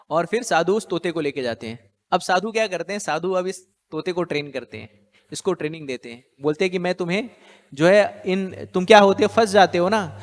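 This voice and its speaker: A man giving a scripture lecture as a preacher, telling a story and repeating lines for the listeners to say back. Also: high voice. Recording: long hall reverb.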